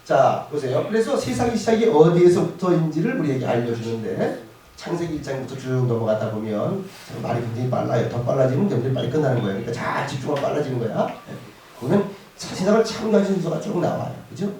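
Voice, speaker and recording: A male pastor giving a lively sermon to students in a school chapel, often asking them questions. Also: mid-range voice, quick pace, slight background noise. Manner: lively, asks the audience questions. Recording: echoey hall from far off.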